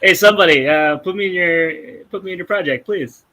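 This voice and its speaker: A man's voice: sits high, fairly quick, sharp tone. A man who is a guest on a podcast, talking eagerly and jokingly begging for work. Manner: eager, pleading in jest. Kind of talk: casual podcast banter.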